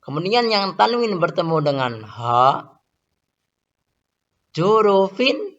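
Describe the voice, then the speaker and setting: A man teaching Quran recitation rules, explaining calmly and then chanting Arabic examples slowly, louder and higher. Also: highs cut off. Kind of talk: tajwid lesson with recited examples.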